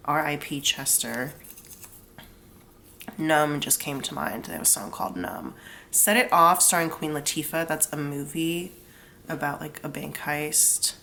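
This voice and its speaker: Low, gravelly, bright and forceful, her unhurried voice carries over slight background noise. A young woman congested from a cold, she chats her way through a tarot reading, explaining every pull with plenty of "like."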